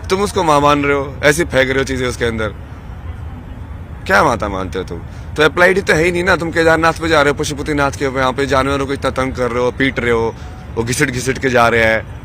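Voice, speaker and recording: A man who is a wandering ascetic answers an interviewer at a crowded festival ground, rambling passionately and throwing out rhetorical questions. He speaks briskly in a mid-range voice, and the outdoor recording carries a loud crowd plus slight hiss or hum.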